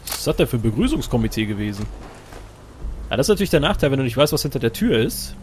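A man's voice: mid-range voice, big pitch swings, very fast, darkish tone, slight background noise. A man giving casual, joking let's play commentary while he plays, talking to himself and his companion.

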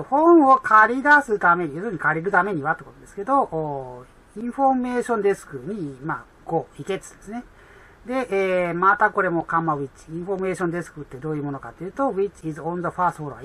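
A woman explaining an English exam in a chatty way with many fillers, reading English lines slowly and. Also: on the low side, animated, a bit bright, husky.

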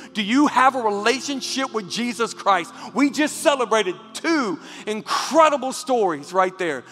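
Passionate male pastor preaching in a hall. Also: very high voice. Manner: passionate, repeats words when moved, drops to a hush for the story. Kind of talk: sermon. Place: church sanctuary. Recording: church hall with reverb and faint music.

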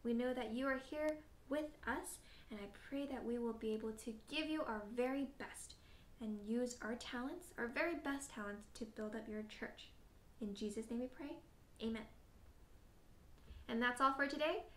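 High-voiced woman leading children's worship. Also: moderate pace, roomy sound, slight background noise. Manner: gentle, speaks directly to children with questions. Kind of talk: children's lesson and prayer.

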